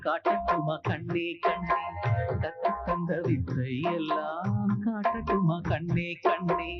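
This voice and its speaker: A tender romantic film song. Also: male voice, a little high, takes it slowly. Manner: sung, tender. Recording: dull old film soundtrack. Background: loud orchestral film music.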